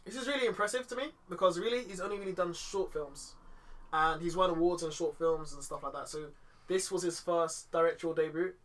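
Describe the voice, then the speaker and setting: A young man with a London roadman accent co-hosts a casual film chat. His voice is high and bright, and he talks fast and animatedly, full of street slang. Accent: London, urban street slang delivery. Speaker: podcast co-host.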